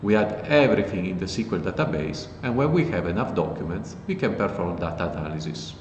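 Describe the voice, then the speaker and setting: Low-voiced man explaining code casually. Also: fast, lo-fi sound. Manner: relaxed, plain explanatory talk. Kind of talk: casual tech tutorial. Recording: echoey with long reverb and faint noise.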